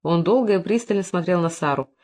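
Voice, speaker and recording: A woman narrating a historical novel as an audiobook, with expressive reading. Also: fairly low pitch, fast.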